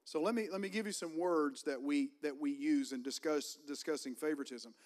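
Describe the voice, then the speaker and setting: A Southern Virginian-accented preacher from Virginia calls out for amens while delivering a sermon in a church sanctuary, using call-and-response with mounting fervor. He speaks fairly quickly, his voice on the high side with a darkish tone.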